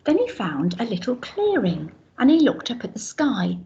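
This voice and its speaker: A woman's voice: a little high, wildly swooping pitch, normal speed, warm tone, highs cut off. A woman teacher reading a rhyming picture book aloud to young children, pointing out the pictures as she goes. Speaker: infant school teacher.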